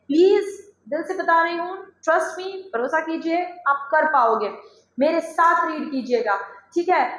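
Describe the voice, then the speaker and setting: A woman's voice: sits high, a bit bright, reverberant, low-quality recording. A woman teaching English pronunciation, drilling word lists aloud and coaxing her students to repeat after her. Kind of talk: spoken phonics lesson.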